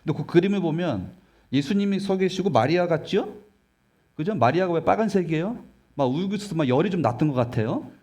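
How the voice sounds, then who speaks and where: A male pastor preaching a sermon in an emphatic, animated way, often putting questions to the congregation. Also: a little high, fairly quick.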